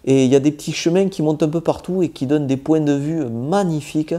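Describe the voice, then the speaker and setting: This man talks fast in a fairly high, warm voice, carrying a southwestern French accent from his home region. He's a travel vlogger giving loose, informal tips straight to camera, pausing and hesitating often.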